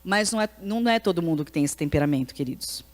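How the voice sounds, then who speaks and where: A woman's voice: on the low side, expressive, quick pace. A woman pastor with a Brazilian accent teaching an informal church class, talking frankly and conversationally, often asking "né?" and restarting her sentences. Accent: Brazilian Portuguese. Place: church hall with a live audience. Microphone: handheld microphone. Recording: long church-hall reverb.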